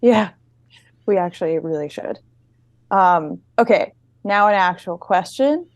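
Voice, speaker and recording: A young woman hosts a relaxed interview with an upbeat, playful manner, teasing her guest and keeping the talk moving. Her voice is close and dry, with almost no room sound. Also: fairly low pitch, unhurried, no room sound. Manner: upbeat, playful, laughs easily. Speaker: host, co-founder. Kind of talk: casual interview hosting.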